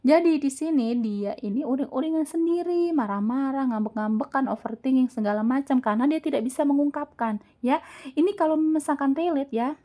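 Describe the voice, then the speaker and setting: Casting: female tarot reader, teasing and talkative, warm higher voice. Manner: chatty, teasing, laughs often. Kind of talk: casual tarot reading to viewers.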